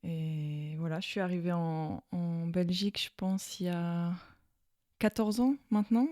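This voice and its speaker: A woman from Alsace answers interview questions in a fairly low voice. She talks casually, with frequent pauses, fillers and restarts. The sound is dry and close. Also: fairly even intonation, dark tone, no room sound. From Alsace, France. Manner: hesitant, many fillers and restarts. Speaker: guest, violist and speech therapist.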